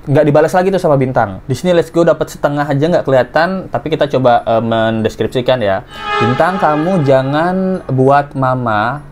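Animated man commenting. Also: mid-range voice, fast talker, over music. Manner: animated, exclaiming, voice jumps up and down. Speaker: commentary host. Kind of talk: casual online commentary, reading messages aloud.

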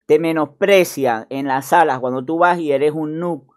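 A man chatting casually over a screen recording of a game, chatty and mock-excited. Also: on the high side, a little slow. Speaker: gaming youtuber.

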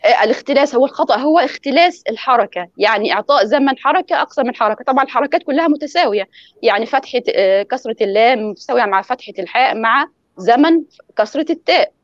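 A woman's voice: a little high, expressive, very fast, no room sound, lo-fi sound. A woman teaching in an online lecture, explaining pronunciation rules and demonstrating examples over a call. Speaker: guest lecturer on Quran recitation.

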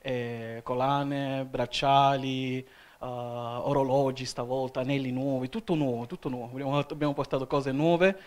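A man from Italy preaching a sermon as an evangelist in a church, often calling "Amen?" to the congregation. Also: mid-range voice. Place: church hall.

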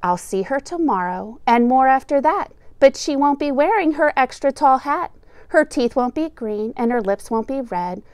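Her voice is high-pitched and clean as this middle-aged woman, a teacher, reads a picture book for children with careful, expressive storytelling. The recording is dry.

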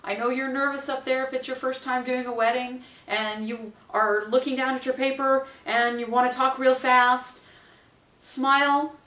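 In a small room at home, a wedding minister in her forties talks to camera with a high-pitched voice, little pitch movement and a moderate pace. Her practical training is chatty, and she playfully quotes people in a bright lilt. The distant camera mic leaves the recording roomy.

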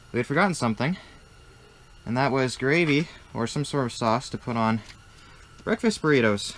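A young adult vlogger with a mid-range voice chats in a joking, playful way while ice fishing, with background noise in the recording. He starts on an open frozen lake and ends up inside an ice fishing tent. An action camera held at arm's length or set nearby records him.

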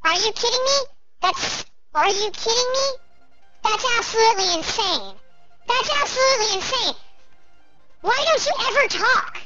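A man voicing an excitable, incredulous cartoon squirrel through a pitched-up chipmunk voice filter. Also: moderate pace, muffled recording, music in the background. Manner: incredulous, exclamatory.

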